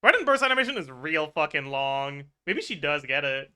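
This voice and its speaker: A man's voice: on the high side, big pitch swings, fairly quick, bright, forceful tone, smooth. A man streaming a game, chatting casually and thinking aloud, swearing and laughing as he works through numbers. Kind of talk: livestream game chat.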